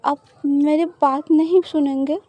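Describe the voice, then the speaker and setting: A bashful young woman who pleads and backs away when teased, as a woman reads her lines. Her voice sits high and mellow, with a soft, unforced delivery for an audio love story. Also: fairly even intonation, a little slow, dry recording. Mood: shy.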